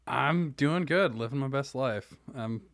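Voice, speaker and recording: A man's voice: mid-range voice, a little slow, vocal fry, a bit bright. A man guesting on a comedy podcast, joking wryly in casual banter.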